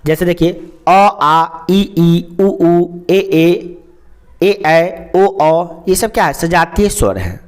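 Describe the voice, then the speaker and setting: A young man teaching a lesson who explains slowly, draws out sounds and keeps asking questions and answering them himself. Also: high-pitched, lively intonation. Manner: slow and repetitive, stretches out sounds, asks and answers himself.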